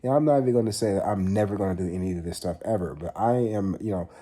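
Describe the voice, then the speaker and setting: A man's voice: low voice, fast talker, warm tone. A man, talking casually and earnestly to camera in a fitness vlog, repeating himself and swearing loosely. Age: 20s. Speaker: fitness vlogger.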